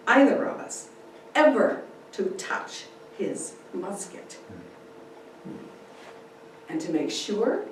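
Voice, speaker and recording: Heard from afar in a very reverberant room, a woman narrates a first-person story as a dramatic reading. She delivers it theatrically and deliberately, unhurried, with expressive pitch swings. Faint noise sits in the background.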